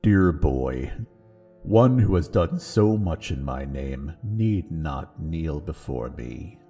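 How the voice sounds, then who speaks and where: A man voicing an ancient dragon god who is calm and kindly, speaking slowly and solemnly. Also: extremely low pitch, slightly rough, faint music behind, voice pushed down, heavily acted. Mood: gentle, solemn. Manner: slow, solemn, gentle delivery.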